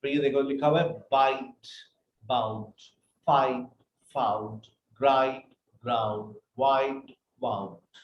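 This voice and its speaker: A man with a mid-range, steady voice speaks slowly as he patiently reads word lists for an online English class, referring to his students as "beta". The live video class comes through a computer mic, with roomy, dull audio and a little hiss or hum.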